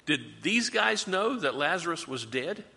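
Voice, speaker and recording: Bible study leader, male, lively questioning delivery, bright tone in a reverberant room. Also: a little high, a little slow, vocal fry. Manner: animated, asks the group questions. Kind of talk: group Bible study teaching.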